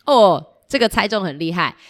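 A woman storyteller reading a picture book to small children in an animated way, coaxing them with questions. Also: medium pitch, normal speed.

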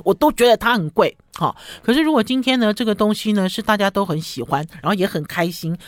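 A woman's voice: medium pitch, no echo. A woman hosting a radio food show, talking casually and tagging her phrases with a short "ha". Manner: chatty, ends phrases with a short "ha".

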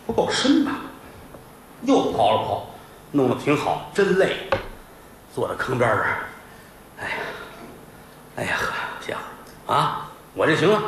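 A man performing traditional comic storytelling on stage in an animated, vivid way. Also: medium pitch. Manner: animated, vivid, full of sound words. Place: theater stage. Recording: very echoey live theater, faint noise.

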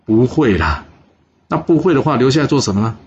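A man voicing a calm, generous male ancient king who talks in an easygoing, reassuring way. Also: mid-range voice, fairly quick, lo-fi sound, slight background noise, voice pushed up, lightly acted.

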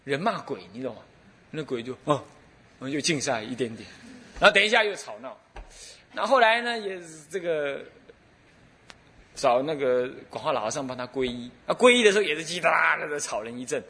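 A middle-aged man with a Taiwanese Mandarin accent, an abbot, gives a brisk dharma talk in a slightly high voice. It's full of stories, which he tells animatedly, laughing and voicing the exchanges himself.

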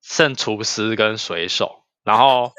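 Chatty low-voiced podcast guy. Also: slow, bright, forceful tone, no room sound. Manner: chatty storyteller, laughs often. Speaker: podcast co-host. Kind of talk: casual chat.

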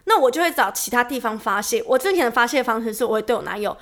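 A young woman, co-hosting a casual podcast chat and telling stories in an animated way with frequent laughs. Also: a little high, very fast. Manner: animated storytelling, laughs often. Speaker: podcast co-host.

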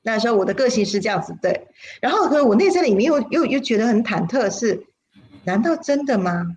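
A woman, a spiritual teacher telling a personal story on a livestream in an animated, dramatic way, her voice leaping up at exciting moments. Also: a little fast. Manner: animated, dramatic storyteller with sudden pitch leaps.

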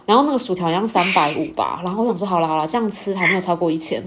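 A young woman hosts a casual podcast, rattling through a story at a quick clip. She laughs often and slips into the voices of the people she quotes. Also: fairly low pitch, heavy background noise. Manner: animated, laughs often, acts out quoted lines. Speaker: podcast host.

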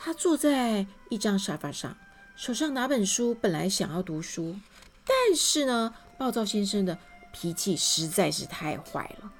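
A woman's voice: medium pitch, unhurried. A woman reads a children's story aloud, speaking straight to young listeners. Her voice rises and falls with lots of life, and faint background music plays. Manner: animated, talking to children.

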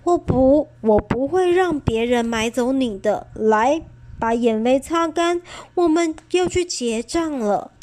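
A stubborn storybook father blusters and shouts his refusals, put on by a woman reading aloud. Her voice stays high and unhurried even as he gets loud. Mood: coaxing. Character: flustered dad, stubborn and loud.

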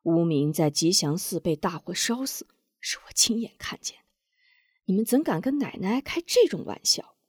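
A woman voicing a kindly old grandmother who speaks gently, with soft sighing asides, in a storybook tale. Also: fairly high pitch, sing-song, fairly quick, slightly rough, dry recording, studio quality, pitched above the performer's own voice, heavily acted. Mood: bewildered.

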